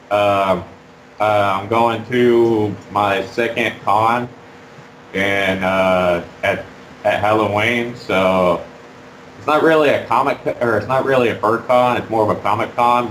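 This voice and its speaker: A man being interviewed about fursuiting while wearing a fursuit head, talking in a halting, rambling way with many fillers. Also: fairly low pitch, a bit bright, echoey room, a little hiss or hum, rough recording. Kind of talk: casual interview.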